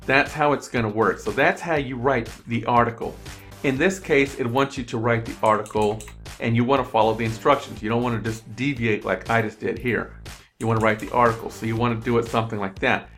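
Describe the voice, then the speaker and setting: A man's voice: medium pitch, steady tone, brisk, a bit bright, faint music behind. A man explaining a computer task step by step in a screen-recorded tutorial, repeating himself as he goes, on a desk microphone at his computer. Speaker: online tutorial presenter. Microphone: USB desk microphone.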